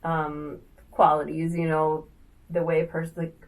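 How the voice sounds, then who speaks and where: A woman artist talking as a podcast guest in a casual, animated way, laughing often and filling with "like" and "you know". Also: deep voice, a little slow, recorded from a distance, rough recording. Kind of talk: casual conversational interview.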